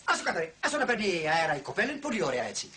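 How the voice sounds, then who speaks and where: An actor playing a lecherous, boastful company director, bossy and teasing, in an old comedy film. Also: male voice, high-pitched, sing-song, sharp tone, heavily acted. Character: lecherous boastful middle-aged male boss. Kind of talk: 1980s film comedy acting.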